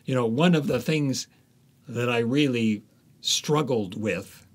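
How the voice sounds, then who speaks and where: An author being interviewed shares anecdotes in a conversational way, pausing now and then to find the right words. He speaks at a medium pitch.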